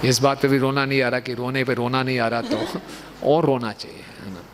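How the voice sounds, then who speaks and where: A man's voice: mid-range voice, steady tone, normal speed, background noise. A man giving a sermon, explaining and telling stories, often checking in with rhetorical tag questions. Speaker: preacher.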